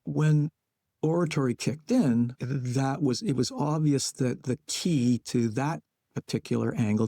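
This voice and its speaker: A man guest, a playwright and educator, talking reflectively in an interview and thinking aloud in short measured phrases. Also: medium pitch, creaky, warm tone, dry recording, clean studio sound.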